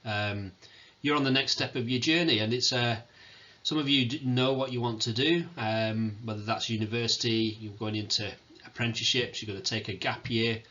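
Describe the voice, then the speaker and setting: A man, a teacher giving a recorded farewell talk to his students, hesitant with many pauses and fillers, in a self-described monotone. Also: mid-range voice, lo-fi sound. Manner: hesitant, many ums, calls himself monotone. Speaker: sixth form teacher.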